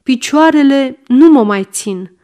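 A woman's voice: high voice, animated, mellow. Woman doing a snappish old miser man. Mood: complaining. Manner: querulous, snapping commands. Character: old miserly sick male merchant, grasping and irritable.

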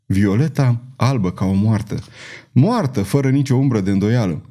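A man narrating a novel in a dramatic, measured reading. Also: medium pitch, warm tone. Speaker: audiobook narrator. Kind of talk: scripted narration.

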